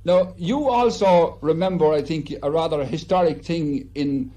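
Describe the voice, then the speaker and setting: Guy interviewer, polite n formal, mellow voice a bit high, hesitates over questions. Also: unhurried.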